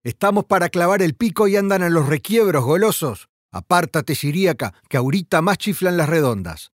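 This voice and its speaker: A gruff army sergeant barks his orders, high-pitched and loud, his voice leaping up and down with every command, as a man reads him out. It is a dry, close recording with no room around it. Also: lively intonation, moderate pace, no echo. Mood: barking orders. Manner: shouting orders.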